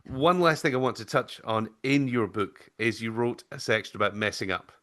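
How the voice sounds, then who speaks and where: A man's voice: medium pitch, normal speed, fairly bright tone. A male podcast host and former teacher, interviewing a guest in an earnest, storytelling way. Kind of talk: casual interview talk.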